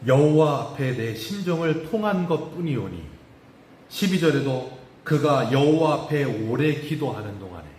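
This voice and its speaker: A man preaches in a church, his voice pitched high for a man. The room's echo hangs on every line. He gets animated and acts out the people he quotes. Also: slight background noise. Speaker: pastor. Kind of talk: sermon. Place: church sanctuary. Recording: echoey church room.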